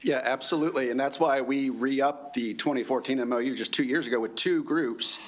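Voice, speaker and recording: A man of medium pitch responds to questions at a formal hearing. He speaks as an industry representative, explaining his position in an assertive way. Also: brisk. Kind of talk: formal spoken answers at a hearing.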